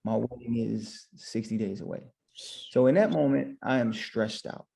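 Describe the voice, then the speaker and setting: Gravelly-voiced man telling his story. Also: medium pitch, moderate pace, mellow. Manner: rambling, retells his own thoughts as quotes. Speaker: podcast guest, barber and shop owner. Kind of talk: casual storytelling interview.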